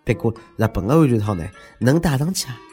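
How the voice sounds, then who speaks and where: A male host with a clear Shanghai accent delivers humorous news commentary. His pitch swings in an animated way as he mocks and needles in a conversational tone. Music plays behind his voice. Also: fast talker. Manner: sarcastic, mocking, conversational delivery.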